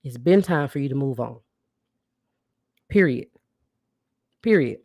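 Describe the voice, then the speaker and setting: A woman's voice: extremely low pitch, quick pace, dark tone, no room sound. A woman hosting a live podcast, talking bluntly and casually straight to her listeners and calling them sis and baby. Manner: greets viewers and asks them to interact. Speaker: podcast host. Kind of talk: live-streamed podcast monologue.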